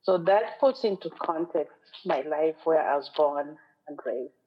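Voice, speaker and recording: Her low-pitched voice is animated and a little slow as this guest preacher from western Kenya delivers an earnest, thoughtful church sermon in a Kenyan accent. She weaves in scripture and song lyrics, and the audio has a narrow, phone-like quality.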